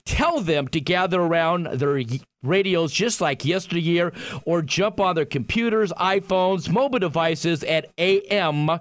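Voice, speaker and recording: A man with a high-set voice hosts radio in the grand manner of a ringmaster. His delivery is bombastic and effusive, stacking superlatives like a showman. The sound is very dry, with no room around him. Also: unhurried, dry recording. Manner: bombastic ringmaster-style announcing. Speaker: radio show host.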